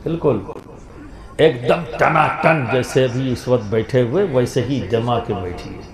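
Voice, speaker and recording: Preacher urging a crowd to answer, echoey. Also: male voice, mid-range voice. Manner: rhetorical, coaxes the crowd to answer aloud. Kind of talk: sermon to a live gathering. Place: large gathering with a stage. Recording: echoey venue with loud crowd.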